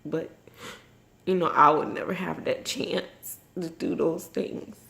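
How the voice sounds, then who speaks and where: A woman vlogging in a personal, confessional way, emotional and tearful after crying, speaking haltingly and reflectively. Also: low-pitched, fairly even intonation, gravelly, fairly bright tone. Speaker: vlogger and mother. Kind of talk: personal, confessional vlog talk.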